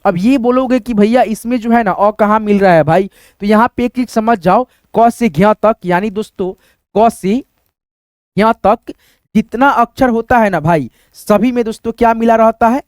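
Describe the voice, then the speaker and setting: Guy teacher walking thru the basics, high smooth voice, dry close sound. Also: dry recording. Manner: explains slowly and step by step, says "friends" often, asks then answers himself. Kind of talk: casual Hindi writing lesson.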